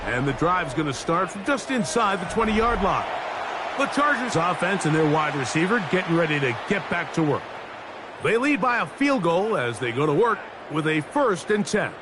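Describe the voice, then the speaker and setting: A man's voice: high-pitched, big pitch swings, moderate pace. A man voicing an American play-by-play announcer in a football video game, with an American accent. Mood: focused, energetic. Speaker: play-by-play commentator. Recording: loud stadium crowd noise behind.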